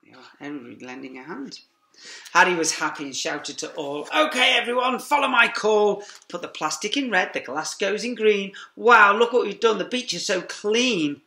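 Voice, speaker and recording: Reading a rhyming picture book aloud to young children, a middle-aged man teacher keeps a moderate pace, his voice sitting high. He's lively and sing-song, with quiet asides to the kids, and the laptop webcam recording catches the classroom's echo.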